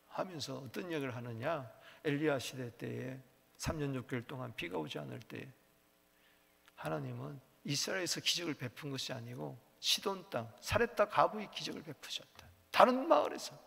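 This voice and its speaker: A middle-aged man preaching a sermon as pastor, emphatic, asking the congregation to repeat lines, swinging from soft to loud. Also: mid-range voice, lively intonation, normal speed, creaky, breathy edge. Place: church sanctuary. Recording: long church reverb.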